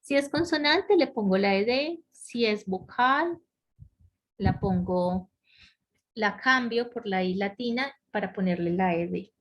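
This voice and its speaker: A woman's voice: mid-range voice, expressive, measured pace. A woman teaching an English grammar lesson online, explaining rules step by step and often checking in with her students. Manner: explains step by step, checks understanding with frequent questions.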